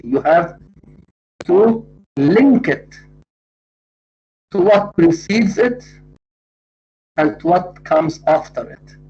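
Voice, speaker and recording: A man's voice: fairly high pitch, darkish tone. A man with an Arabic accent, a native Arabic speaker, lecturing on academic writing in a didactic, emphatic way, repeating and spelling out key points. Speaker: university English lecturer. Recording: dull lo-fi audio.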